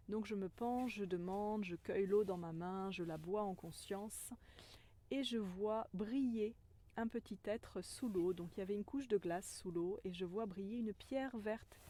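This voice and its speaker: Gentle woman telling a spiritual story. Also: mid-range voice. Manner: gentle, earnest storytelling with soft laughs. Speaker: spiritual guide, self-described medicine woman.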